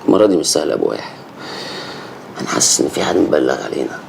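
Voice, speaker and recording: A despairing Egyptian man, low and thick with gravel. He speaks briskly and grimly about his losses. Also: lively intonation, noisy background, heavily acted.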